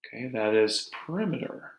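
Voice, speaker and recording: A man teaching a geometry lesson to his students in a relaxed, joking way, talking as he draws. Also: mid-range voice, normal speed. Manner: relaxed, joking, talks while drawing on a board. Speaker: math teacher. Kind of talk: recorded math lesson. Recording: echoey room.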